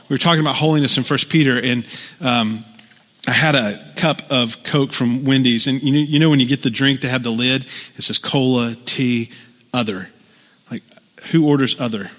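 A man's voice: medium pitch, a bit bright, in a large hall. A man preaching a sermon, conversational with frequent "right?" asides. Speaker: pastor.

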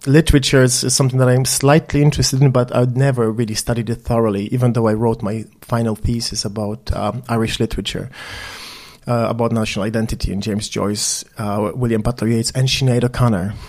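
A man's voice: mid-range voice, steady tone, fairly quick, darkish tone. A man from Poland speaking English, answering interview questions in a thoughtful, wry, self-deprecating way. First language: Polish. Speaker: photographer guest.

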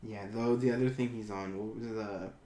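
A man's voice: on the low side, fairly even intonation, moderate pace, mellow, echoey room, a little hiss or hum. A man chatting casually, telling stories animatedly, acting out quotes and swearing freely. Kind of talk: casual chat.

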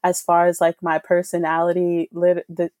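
A woman's voice: on the low side, monotone, normal speed, darkish tone, dry recording. A woman in her twenties chatting casually, with many fillers and restarts. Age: 20s. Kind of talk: casual chat.

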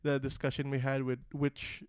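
A man's voice: mid-range voice, completely flat delivery, normal speed, clear, resonant tone, no room sound, clean studio sound. A young man co-hosting a casual podcast chat, teasing his friend, laughing often and restarting his sentences. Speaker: podcast co-host.

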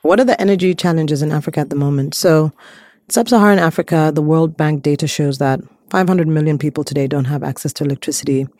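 A woman from Malawi, a clean energy innovator, answering interview prompts in a thoughtful way, often pausing with ums and restarting her sentences. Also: low voice, darkish tone, no echo, clean studio sound.

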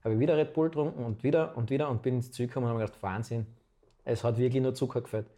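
Mellow-voiced Austrian man in his twenties. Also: medium pitch, racing. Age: 20s. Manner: chatty, relaxed anecdotal storytelling. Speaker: guest. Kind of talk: casual storytelling interview.

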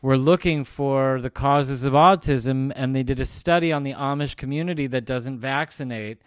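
A man's voice: medium pitch, moderate pace, clear, resonant tone, no room sound, clean studio sound. A man hosting a podcast interview, talking casually and opinionated, with many restarts and self-corrections. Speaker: podcast host.

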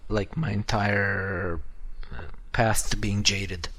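A man in his thirties chatting casually on a podcast, rambling and restarting his sentences, swearing freely, a bit hoarse as his voice goes. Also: lowish voice, level tone, slow, a crowd in the background. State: losing his voice. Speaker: podcast co-host, app developer.

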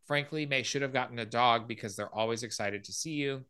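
A man's voice: medium pitch, fairly quick, bright, forceful tone, smooth. A man hosting a podcast, casually retelling a film scene by scene and acting out quoted lines. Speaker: podcast host.

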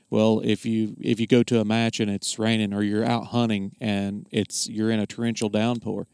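A man giving a casual technical explanation as a craftsman, plainspoken and folksy, often halting and repeating words. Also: lowish voice, darkish tone, clear, resonant tone, no echo, clean studio sound. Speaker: gunsmith explaining his craft.

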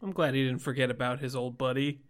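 A man co-hosting a podcast, reacting to a folktale with quick jokes. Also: mid-range voice, steady tone. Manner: jokey quips. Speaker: podcast co-host. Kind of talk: casual chat.

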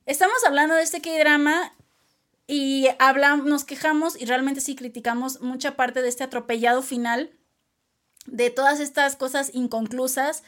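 High-voiced chatty woman. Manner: chatty, expressive, quick asides to listeners. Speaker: podcast co-host. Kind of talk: casual chat reviewing a K-drama.

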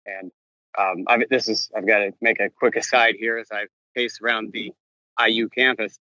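Strolling around a campus outside, a novelist guest fields interview questions in a lowish, flat, bright and forceful voice. He keeps stopping, restarting and correcting himself. It's a dry recording with the highs cut off.

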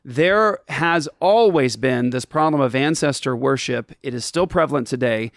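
Speaking at a normal speed in a mid-range voice, a man who grew up in Japan hosts a podcast where he answers listener questions about a Bible passage. He explains it casually, with frequent ums and restarts, and the studio sound is clean with no echo.

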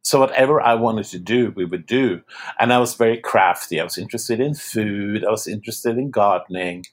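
A man's voice: on the low side, a little fast. A man from Norway, a podcast guest, chatting casually and laughing easily. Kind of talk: casual interview chat.

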